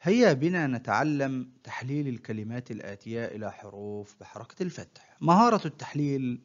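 A man teaching children to read, spelling out words sound by sound in a slow, patient way and praising the learner often. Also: mid-range voice, lively intonation, highs cut off. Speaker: primary school Arabic teacher. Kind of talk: recorded reading lesson for children.

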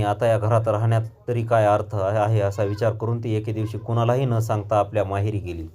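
A man narrating a short story aloud in a measured, expressive reading voice. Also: fairly low pitch.

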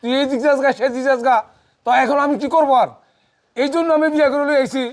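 A man playing a stubborn sixty-year-old father who has remarried, talking gruffly and defiantly in colloquial Bangladeshi Bengali. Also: very high voice, steady tone, fast talker. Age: 60s.

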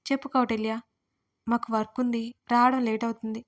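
A woman voicing a young man who speaks plainly and calmly. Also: fairly high pitch, fairly quick, close to an everyday voice. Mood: matter-of-fact. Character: young man, a calm, matter-of-fact friend.

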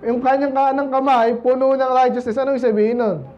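A man's voice: very high-pitched, fairly even intonation, quick pace, dull audio. A man pastor preaching a sermon in a conversational way, quizzing the congregation and mixing in English phrases. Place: church service.

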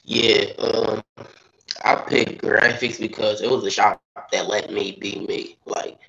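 A teenage boy answering on a student panel, earnest and a little halting. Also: lowish voice, level tone, creaky, bright, forceful tone. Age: teens. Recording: dull lo-fi stream audio.

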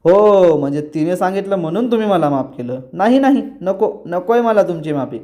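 A man's voice: sits high, expressive, brisk, dark tone. A man voicing a playful, stubborn young woman student while retelling a TV serial scene, in a teasing, pleading way.

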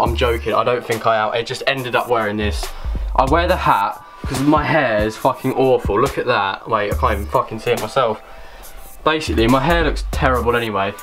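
A man's voice: mid-range voice, a bit bright. A young man, chatting casually to camera in a sweary, rambling, self-mocking way, at times out of breath. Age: young adult. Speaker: vlogger. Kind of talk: casual vlog chat.

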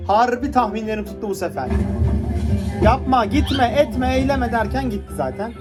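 A man's voice: extremely high pitch, measured pace. A man hosting a reaction video, laughing, cooing and pleading at the funny clips he watches. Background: music from the clips.

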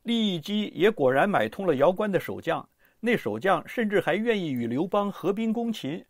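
A man narrates a history audiobook with lively, expressive storytelling. His voice is high and swings widely in pitch. The recording is dry and close, with no room sound. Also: normal speed, dry recording.

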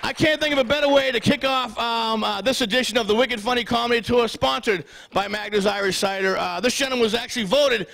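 A man hosts a comedy night on a club stage, rattling off his introductions quickly in a high, gravelly voice. His patter is loose, with fillers and restarts as he warms up the crowd. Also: slight background noise. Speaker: comedy show host. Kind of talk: introducing acts to a live audience.

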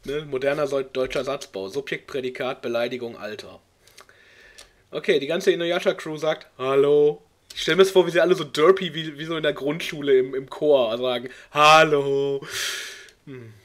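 This comedic read-along features a male video host reading a clumsy fan story out loud, sometimes squeaking into high voices for characters and mocking it with exasperated jokes.

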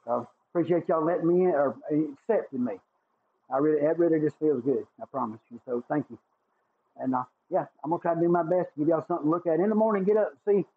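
A man with a Southern drawl chats casually to his livestream viewers while he works at a guitar build. His voice sits fairly high and comes through thin and phone-like, with a faint hiss behind it. He talks in a folksy, easygoing way. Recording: tinny phone-like sound with faint noise.

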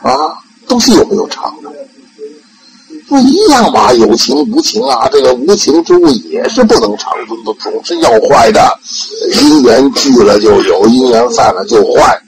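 A man's voice: medium pitch, big pitch swings, moderate pace, creaky, soft background music, pitched above the performer's own voice, low-quality recording. An older man voicing a patient old Zen master, explaining insistently.

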